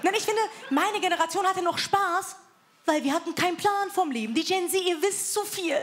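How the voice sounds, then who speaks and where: On a live comedy club stage with an audience, a woman in her thirties hosts and performs stand-up, sounding brash and self-mocking and energetically announcing the acts. Her very high voice has lively intonation at a moderate pace, captured through a stage mic alongside crowd laughter.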